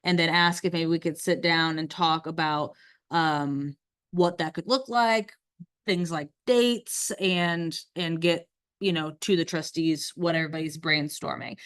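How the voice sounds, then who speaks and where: Smooth-voiced woman chairing a meeting. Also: low voice, fairly even intonation, unhurried, a bit bright. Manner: organized, upbeat, leads the agenda. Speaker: committee chair running the meeting. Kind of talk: public committee meeting discussion.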